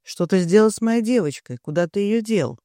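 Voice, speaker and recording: A distraught middle-aged mother, shrill and pleading, her voice pushed up high, as a male audiobook reader puts her on. She sounds close and dry. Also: animated, moderate pace, warm tone, dry recording. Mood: despairing. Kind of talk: audiobook reading.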